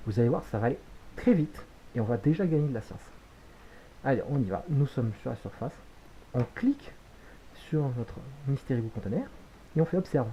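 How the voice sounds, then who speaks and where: A man hosting a relaxed game tutorial, chatty, with frequent hesitations and quick self-corrections. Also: medium pitch, muffled recording, a little hiss or hum. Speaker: gaming video host.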